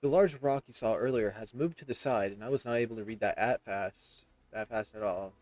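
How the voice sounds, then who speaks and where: With game music behind him, a man in his thirties streams gameplay, rambling casually, reacting, and reading on-screen text aloud. He speaks fairly quickly in a fairly low, darkish voice, with no room sound.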